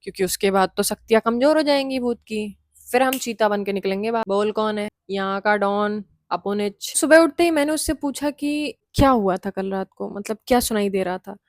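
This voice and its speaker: A woman's voice: fairly high pitch, brisk, no room sound, clean studio sound. A young woman casually telling a hostel ghost story, chatty, slipping in English phrases and laughing often.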